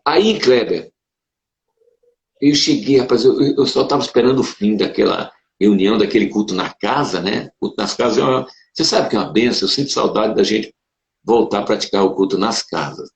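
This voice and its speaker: A man, a Brazilian pastor, telling his conversion story in a casual conversation, animated and emotional, with sudden leaps up in pitch. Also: brisk, gravelly. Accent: Brazilian Portuguese. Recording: dull roomy sound.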